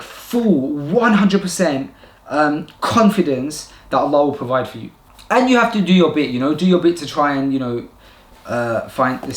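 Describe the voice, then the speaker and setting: Young vlogger dad, earnest advice, higher voice, roomy echo. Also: male voice. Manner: earnest, repeats points for emphasis. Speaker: vlogger giving advice to new fathers. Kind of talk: casual direct-to-camera advice. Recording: echoey room.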